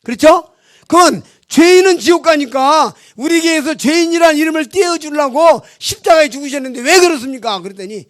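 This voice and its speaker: A man preaching a revival sermon, animated, swinging between loud emphasis and quiet asides and acting out little dialogues. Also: very high voice. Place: church hall.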